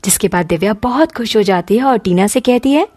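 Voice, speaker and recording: A woman narrating a moral cartoon story in an even storytelling manner. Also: medium pitch, brisk.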